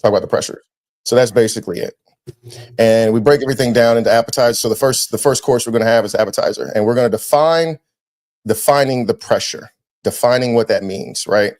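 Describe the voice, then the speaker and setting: A man hosting a podcast, chatting casually and telling lively stories, dropping "man" often. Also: mid-range voice. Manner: animated storyteller, quick, slangy, says "man" a lot. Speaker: podcast host.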